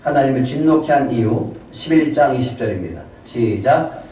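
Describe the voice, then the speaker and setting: Echoey distant male preacher, mellow voice. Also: mid-range voice, expressive, moderate pace. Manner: asks the congregation questions and waits for replies. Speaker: pastor. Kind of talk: sermon. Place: church sanctuary. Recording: very echoey room, distant mic, faint noise.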